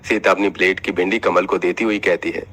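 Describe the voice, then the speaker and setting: A man narrating an animated family story in steady scripted storytelling. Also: low voice, brisk.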